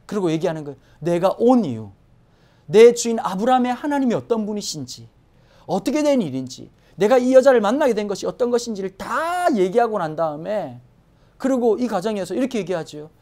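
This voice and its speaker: A woman pastor preaching a Sunday sermon in a church, swinging from hushed asides to emphatic exclamations. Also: mid-range voice, big pitch swings, brisk. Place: church sanctuary.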